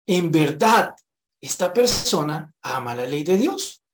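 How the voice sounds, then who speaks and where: A man's voice: a little high, sing-song, a little hiss or hum. Frank, conversational male preacher. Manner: reads scripture aloud, then explains it in a frank conversational way; repeats the verse slowly with rising emphasis. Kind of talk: sermon.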